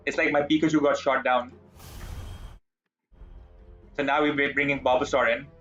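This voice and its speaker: A bright-voiced man streaming a game, chatting away to his viewers in a loose, rambling way. He talks about his own mistakes with easy self-deprecation, and soft music plays underneath. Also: medium pitch, little pitch movement, moderate pace, highs cut off. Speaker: gaming streamer. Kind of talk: casual live-stream chat while gaming.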